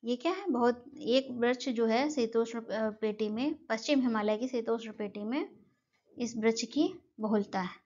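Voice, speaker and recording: A woman's voice: fairly high pitch, a little slow, a little mellow, muffled recording. A woman teaching an exam-prep lesson, who keeps asking questions and answering them herself.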